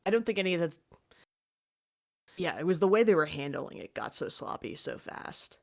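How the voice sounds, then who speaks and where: A woman co-hosting a podcast, chatting casually about a TV episode and getting animated when she gives her reactions. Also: lowish voice, moderate pace, vocal fry. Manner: animated, rises sharply when reading her own reactions. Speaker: podcast co-host. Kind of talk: casual recap chat.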